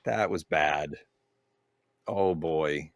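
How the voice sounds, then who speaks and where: A man's voice: very deep voice, drawn-out words, a little hiss or hum. A man playing in a tabletop game, loose and playful, often chuckling. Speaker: player.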